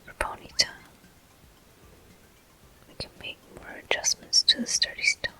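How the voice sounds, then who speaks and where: The walkthrough host whispers, keeping the ASMR commentary on the video game gentle and slow-paced in a soft, breathy tone.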